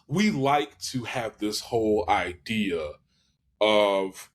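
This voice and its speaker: A man in his twenties with a fairly low, expressive voice speaks slowly as a podcast guest, talking casually and reflectively in an interview. He hesitates, restarting often and using lots of fillers.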